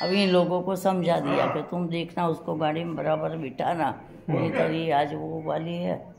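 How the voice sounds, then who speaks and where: Older woman, rambling memoir storytelling, lowish voice, roomy sound. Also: steady tone, moderate pace, vocal fry, music in the background. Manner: rambling storytelling that acts out others' words. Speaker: interviewee recalling her past. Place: hospital room. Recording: roomy recording with crowd noise.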